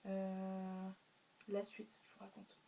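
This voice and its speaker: A woman's voice: mid-range voice, monotone, slow pace, creaky, warm tone. Hesitant woman retelling a story. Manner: hesitant, many fillers, spoken sound effects. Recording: faint room noise, mic a bit distant.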